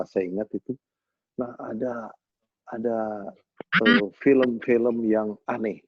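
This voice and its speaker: A middle-aged man giving a Bible study talk, telling homely stories in a folksy, animated way with sound effects. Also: mid-range voice, breathy edge, dry recording. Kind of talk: sermon with storytelling. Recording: tinny phone-like sound.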